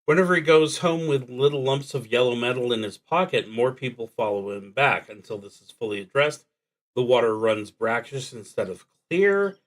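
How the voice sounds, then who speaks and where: This medium-pitched man works through a solo tabletop RPG aloud, reading its prompts and pondering with hesitant, lengthy pauses. The recording is rough.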